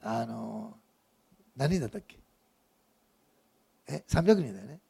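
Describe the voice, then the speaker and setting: Male pastor, sermon; gravelly and husky, animated storyteller who talks with his congregation. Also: mid-range voice, measured pace. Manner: lively storytelling preacher who asks the congregation questions.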